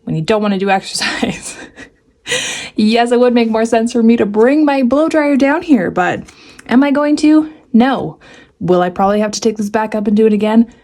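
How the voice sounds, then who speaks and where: A woman's voice: fairly high pitch, normal speed, a little mellow. Sarcastic, playful woman teaching painting. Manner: sarcastic, playful asides between read-out steps. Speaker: art tutorial host. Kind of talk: casual painting tutorial. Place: home art studio.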